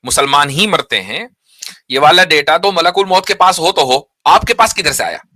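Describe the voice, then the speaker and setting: Bright, sharp-voiced man debating. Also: a little high, expressive, normal speed. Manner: argumentative, probing, repeats points. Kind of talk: live religious debate, question and answer.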